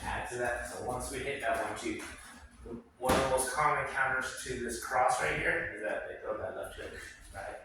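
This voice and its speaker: A man's voice: mid-range voice, moderate pace, distant mic. A man working as a boxing coach, casually explaining drills and calling out moves with punchy sound words. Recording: very echoey, noisy room, off the mic.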